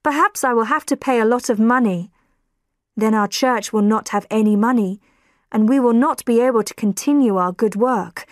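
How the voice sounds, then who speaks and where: A woman voicing a worried, evasive male church reverend in a storybook reading, speaking slowly and carefully. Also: a little high, no echo, clean studio sound, natural voice.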